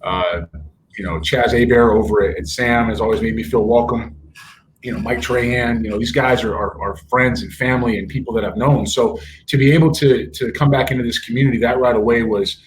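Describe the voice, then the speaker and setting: A baseball executive, interviewed as a guest, tells stories casually in an earnest, mid-range voice that's a little fast with fairly even intonation. He uses many fillers and restarts and acts out quoted dialogue. The low-quality recording carries a little hiss or hum.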